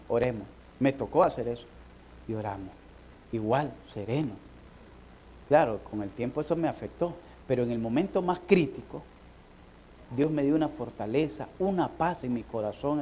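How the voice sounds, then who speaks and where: A man, a pastor preaching a sermon, moving from quiet personal storytelling to emphatic appeals. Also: mid-range voice, a little hiss or hum, poor audio. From Nicaragua. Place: church sanctuary.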